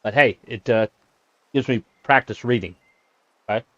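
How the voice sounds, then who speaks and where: A man streaming a game from a small closet office, chatting casually in a monotone way, with many fillers. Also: mid-range voice, normal speed, no room sound, muffled recording. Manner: self-described monotone, rambling with fillers. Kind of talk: casual live-stream chat.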